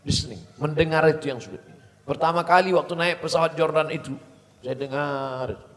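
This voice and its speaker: A middle-aged man preaching to students, telling stories in a lively, humorous, animated way. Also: fairly high pitch, normal speed. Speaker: Islamic preacher. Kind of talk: sermon to students. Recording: long hall reverb.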